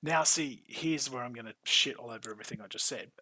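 A man's voice: mid-range voice, quick pace, bright, forceful tone, no echo. A man co-hosting a casual recap chat, swearing freely and laughing often. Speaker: podcast co-host, show newcomer.

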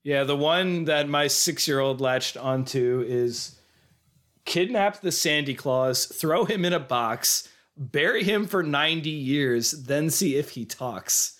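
Fairly high and a bit bright, this American man's voice is slightly congested from a cold that's costing him his voice. In his thirties, he co-hosts a casual film podcast, joking and rambling at a slow pace.

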